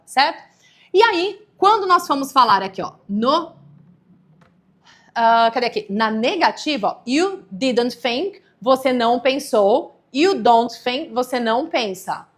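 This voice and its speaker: High-voiced woman teaching English. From Brazil. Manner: patient, checks in often with the audience. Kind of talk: live online lesson.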